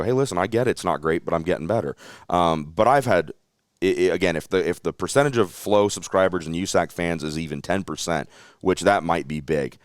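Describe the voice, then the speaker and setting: A man's voice: low-pitched, no room sound, studio quality. A young man, a racing announcer, talking earnestly and reflectively as a podcast guest, livening up when he tells stories. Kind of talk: candid interview chat.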